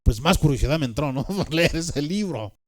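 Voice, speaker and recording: A man's voice: on the high side, animated, moderate pace. A man with a Mexican accent telling a personal testimony, rambling with fillers and tag questions. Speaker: speaker giving a personal testimony.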